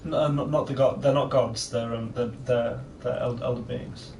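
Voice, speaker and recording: A man giving casual let's-play commentary, halting and restarting, repeating his words. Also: medium pitch, fairly even intonation, vocal fry, darkish tone, distant mic. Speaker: co-host of a gaming video. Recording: roomy, off-mic, faint noise.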